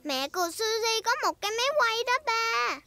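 Cartoon little girl pig: very high, expressive, bossy and cheerful, music behind. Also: normal speed, gravelly, full character voice. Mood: earnest. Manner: childlike, excitable, expressive. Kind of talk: children's cartoon dub.

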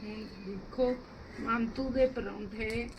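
A high-voiced woman talks casually as she cooks. She is chatty and exclamatory, often repeating a phrase. The home recording has clear background noise behind her. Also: fairly even intonation, slow pace. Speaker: family vlogger. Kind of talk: casual chat while cooking at home.

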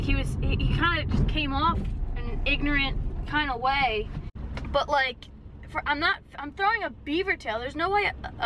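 A young woman vlogging from inside her car, chatty and exasperated as she rants. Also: sits high. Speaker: fishing vlogger. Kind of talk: casual vlog rant. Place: inside a parked or driving car. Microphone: camera mounted or handheld in car. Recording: noisy car and street ambience.

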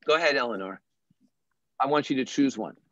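A math teacher patiently and deliberately explaining a puzzle to young children in an online class. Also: medium pitch, a bit bright, no echo, dull audio.

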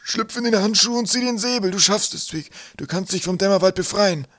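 A man's voice: on the high side, brisk, fairly bright tone, breathy edge, no echo, clean studio sound, voice pushed up. A man voicing a kindly, encouraging old male professor in an audiobook.

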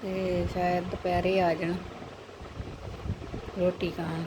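A young Punjabi-accented woman in a casual family vlog, mixing slow, easy talk with cooing baby talk to her son. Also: lowish voice, flat delivery, noisy background. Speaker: vlogger, mother.

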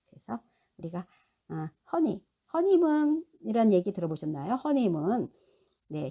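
A woman teacher giving a recorded English lesson to adult learners. She talks patiently, repeats each sound slowly, and asks and answers her own questions. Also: medium pitch, vocal fry, dark tone, husky, muffled recording.

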